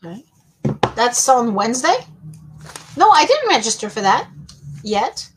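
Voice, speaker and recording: A woman's voice: a little high, big pitch swings, a little slow, a little hiss or hum. Casting: middle-aged woman, co-host, tired and yawning, rambling easy chat. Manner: rambling, with many restarts and fillers. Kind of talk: casual chat.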